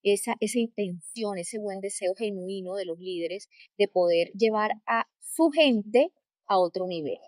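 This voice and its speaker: A woman from Colombia's Caribbean coast, speaking with a costeño accent, answers interview questions as a guest; she is a corporate trainer and coach. She tells anecdotes expressively and emphatically, building points through repeated phrases. Her voice is medium-pitched and a little slow, with no room sound.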